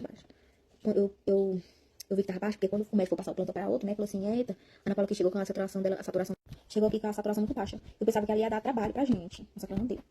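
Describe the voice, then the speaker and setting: A young Brazilian woman vlogger with a mellow, medium-pitched voice shares a personal testimony with her viewers, rambling and emotional, repeating words and calling out to them. She has a Brazilian Portuguese accent, and there's slight background noise.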